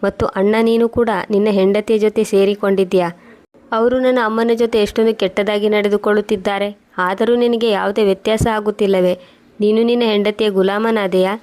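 A woman voicing a loving young married daughter, read in a flat, even way. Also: mid-range voice, a little fast, lightly acted. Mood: pleading.

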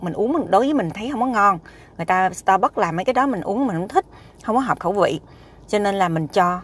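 A woman, chatting emphatically to a dashboard camera while sitting in a parked car. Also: mid-range voice. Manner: chatty, emphatic, repeats "các bạn". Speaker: food vlogger. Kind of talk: casual chat to camera.

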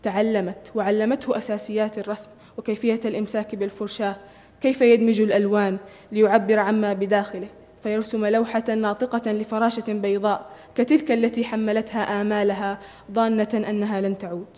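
A woman with a mellow, soft-toned voice reads her short story aloud, measured and expressive. Her voice carries the long reverb of a large hotel hall, heard as a live reading at a literary evening. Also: medium pitch. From Saudi Arabia.

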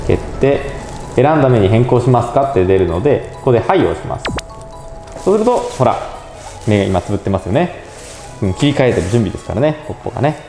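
Fast-talking young man with a mellow voice. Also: medium pitch, gravelly. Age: young adult. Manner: chatty, thinks aloud, polite narration of each step. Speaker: presenter of a robot pet channel. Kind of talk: casual app demonstration. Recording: echoey indoor room with faint music.

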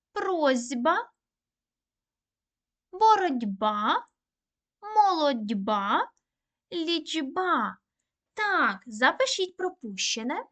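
A woman teaching a recorded online primary-school lesson, dictating words slowly and clearly. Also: sits high, fairly bright tone. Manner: slow, clear, deliberate dictation.

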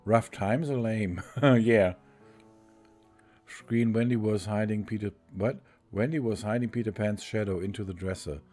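A let's play streamer with a German accent reads a game's text aloud and comments on it, reading slowly, chuckling, and correcting his own slips. His voice is lowish and a little mellow, with faint music in the background.

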